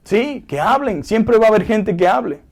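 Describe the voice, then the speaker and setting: A man's voice: sits high, lively intonation, normal speed. A man with a Venezuelan accent preaching a sermon to his congregation in an earnest, direct way. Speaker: pastor.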